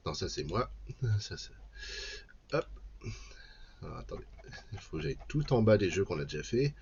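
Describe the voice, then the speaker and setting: A man's voice: low voice, sing-song, moderate pace, creaky, a little mellow, dull audio, a little hiss or hum. A man streaming a game, chatting casually and playfully as he plays. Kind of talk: casual let's-play commentary.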